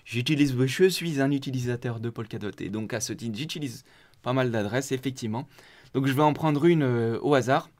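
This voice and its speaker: Chatty man hosting a how-to walkthrough. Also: medium pitch. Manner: chatty and informal, walking viewers through clicks step by step. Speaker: host of a crypto community channel. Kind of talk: casual screen-share tutorial.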